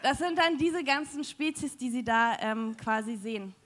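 High-voiced young woman on stage. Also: normal speed, fairly bright tone. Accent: German. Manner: chatty, joking, many fillers. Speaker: science slam speaker. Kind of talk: live stage science talk. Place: large dim hall with audience. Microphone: handheld mic.

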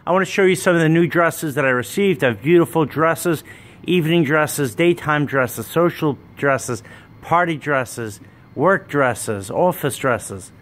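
A man, running a wholesale business, giving a plain walkthrough sales pitch in a warehouse, listing items one by one while filming on a handheld phone. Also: unhurried, a bit bright. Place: indoor warehouse with dress racks. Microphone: handheld phone camera, speaker off screen.

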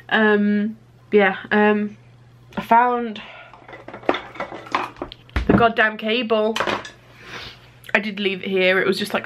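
A young woman, talking to the camera at home in a casual daily vlog, chatty and excitable with many fillers. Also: medium pitch. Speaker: vlogger. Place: at home indoors.

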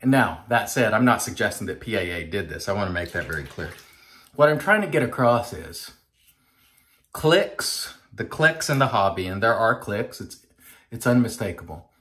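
Very animated, at a moderate pace, a man in his forties with a low-leaning, fairly bright voice hosts a shaving channel. He lathers and shaves in a small home bathroom, talking to the camera in a chatty, earnest, casual manner and calling his viewers folks.

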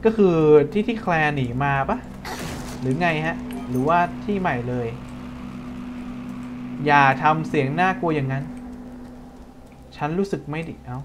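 A man with a Thai accent giving casual, jokey let's-play commentary, breaking into quick startled exclamations. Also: fairly high pitch, expressive, noisy background. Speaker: gaming streamer.

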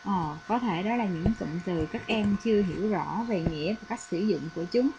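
A woman's voice: mid-range voice, normal speed, muffled recording, background noise. Vietnamese woman teaching English. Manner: patient, explanatory, with frequent "à" fillers. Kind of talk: recorded classroom lesson.

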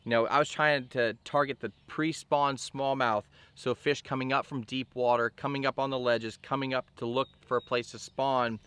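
A man in his thirties giving a relaxed, chatty fishing gear review to camera outdoors by a lake, with a lot of fillers. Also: mid-range voice, normal speed, few pauses, clear, resonant tone, no room sound. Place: outdoors on a bass boat by a lake.

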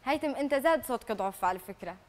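A woman with a Libyan accent hosting a live morning talk show, speaking in a brisk and earnest way from a TV studio. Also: fairly high pitch, animated.

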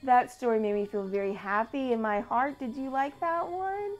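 A woman reading a picture storybook aloud to young church children, gentle and animated. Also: normal speed, dull audio. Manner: gentle, animated reading with lively pitch swings.

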